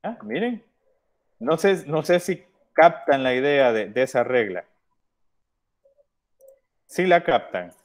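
A man's voice: medium pitch, lively intonation, slow pace, pauses often. Man teaching English to young children. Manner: patient, repeats words often. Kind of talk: online class instruction.

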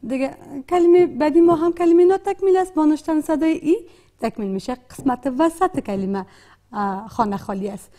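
A woman's voice: sits high, dark tone. Patient Dari-accented woman teaching literacy. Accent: Afghan Dari. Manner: patient, repeats words slowly, many hesitation sounds. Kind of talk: classroom lesson.

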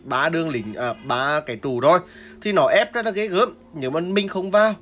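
This gameplay streamer speaks low and at a moderate pace. She talks through her tactics during the live commentary, and in battles she shouts and repeats words.

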